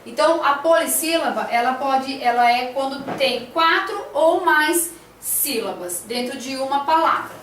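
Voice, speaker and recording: A woman's voice: high-pitched, expressive, a little slow, a bit bright, reverberant, recorded from a distance, slight background noise. A woman teacher talking through a classroom lesson plan, hesitant, with many fillers and tag questions.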